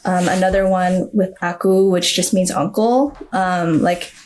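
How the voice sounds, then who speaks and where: A woman's voice: lowish voice, steady tone, measured pace, darkish tone, slight background noise. Chatty young woman author, reflective. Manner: chatty and reflective, many fillers. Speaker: children's book author. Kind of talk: podcast interview.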